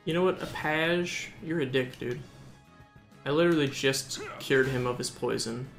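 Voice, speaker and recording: A man's voice: medium pitch, moderate pace, creaky, fairly bright tone, faint music behind. A man giving casual, self-mocking commentary while playing a game, thinking aloud as he goes. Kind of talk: casual let's-play commentary.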